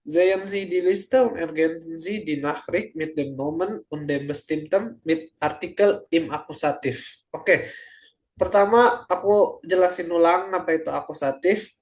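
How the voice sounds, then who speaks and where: A young adult man tutoring a German class over a video call, speaking casually with lots of hesitant fillers. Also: fairly high pitch. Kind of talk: online class teaching.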